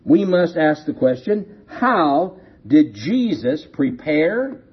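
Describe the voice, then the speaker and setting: Slow preacher guy, husky voice, lots of up and down, repeats himself for emphasis. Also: a little high, very animated, dull audio. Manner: slow, emphatic, repeats key phrases and asks rhetorical questions. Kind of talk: sermon.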